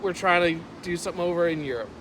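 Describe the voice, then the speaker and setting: High-voiced man teasing friends outdoors. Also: quick pace, fairly bright tone. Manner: teasing, rambling with fillers. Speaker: co-host at the live stream. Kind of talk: casual live-stream chat. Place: outdoors at a theme park. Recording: faint outdoor noise.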